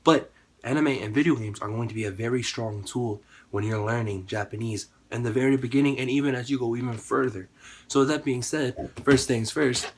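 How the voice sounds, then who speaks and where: With slight background noise behind him, an American YouTuber who's sick speaks fairly quickly in a husky, medium-pitched voice that's partly lost. His on-camera talk is casual and conversational, rambling with frequent fillers.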